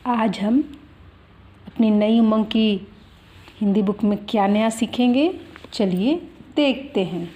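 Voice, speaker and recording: A woman's voice: mid-range voice, slow, pauses often, warm tone. A woman teaching young children a language lesson, explaining patiently with many examples and drawing out vowel sounds to demonstrate them.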